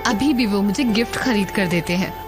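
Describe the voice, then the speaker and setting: A woman's voice: medium pitch, normal speed, natural voice. An actress dubbing a playful, coaxing young woman. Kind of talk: Hindi film dub. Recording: film dub over loud music.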